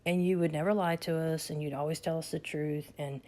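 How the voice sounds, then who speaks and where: A woman's voice: deep voice, steady tone, brisk, a little mellow, lightly acted. A woman voicing her mischievous young nephew, who plays it serious. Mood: earnest.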